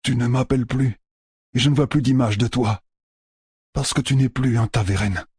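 A man's voice: mid-range voice, moderate pace, darkish tone, slightly rough, no echo, clean studio sound, pitched above the performer's own voice. A man voicing an earnest, weary young lord. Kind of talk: audiobook character voice.

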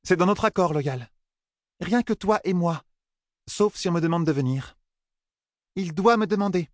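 A proud young woman who never gives ground, voiced by a man reading the story. The voice sits high and sharp-edged, pitiless in its demands. The sound is dry and close, like a storybook read into a mic. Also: lively intonation, moderate pace, no room sound. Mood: insistent. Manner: stubborn, cutting, defiant.

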